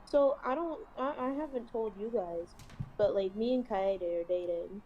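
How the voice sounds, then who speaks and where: A woman's voice: medium pitch, moderate pace, dull audio. A woman playing a tabletop game over voice chat, chatting in a giggly, gushing way. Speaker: player.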